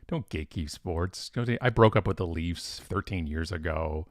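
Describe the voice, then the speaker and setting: A professional speaker hosts a casual live-stream Q&A, his low voice moving at a moderate pace. He's animated and chatty, breaking into bursts of excitement, with plenty of fillers and restarts. The studio recording is clean, with no room sound.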